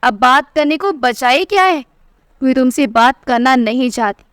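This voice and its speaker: A woman's voice: high voice, lively intonation, moderate pace, fairly bright tone, smooth, dry recording, clean studio sound. A woman voicing an indulgent, coaxing mother. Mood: cold. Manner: soothing, coaxing.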